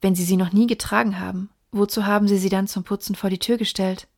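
A woman reading the part of a sharp male detective in an audiobook, in a measured, lecturing way. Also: mid-range voice, steady tone, natural voice. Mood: reasoning. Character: sharp, precise male detective explaining deductions.

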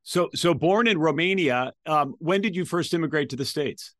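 A man's voice: on the high side, normal speed, a bit bright, no echo, clean studio sound. A man hosting an interview podcast, asking questions in a friendly, conversational way with frequent fillers. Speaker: podcast host.

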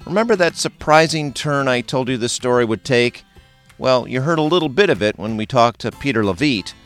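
A man hosting a radio show, reading scripted narration in a smooth announcer delivery. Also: medium pitch, expressive, fairly quick, a bit bright, soft background music.

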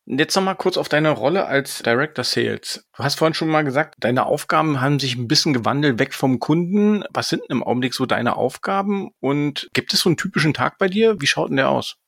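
A man from Berlin interviewing a colleague, asking relaxed, informal questions. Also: on the high side, a little fast, gravelly, hardly any pauses, dry recording, clean studio sound. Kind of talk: business interview.

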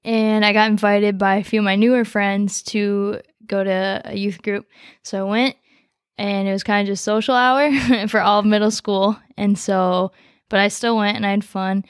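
A teenage girl, a high school senior who grew up in the United States, tells her story in a relaxed, rambling way with many fillers as a podcast guest. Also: normal speed, clean tone, dry recording, clean studio sound. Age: teens. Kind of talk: casual conversation, personal story.

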